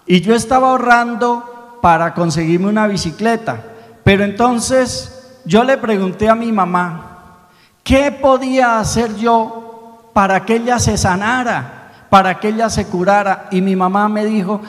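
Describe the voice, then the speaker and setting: Priest playing a pleading little boy. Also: big-room sound. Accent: Colombian Santander. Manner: earnest, high and drawn-out pleading.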